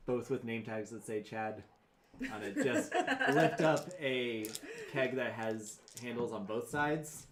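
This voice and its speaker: A man's voice: mid-range voice, expressive, slow pace, a crowd in the background. A man speaking casually as game master, narrating a tabletop game.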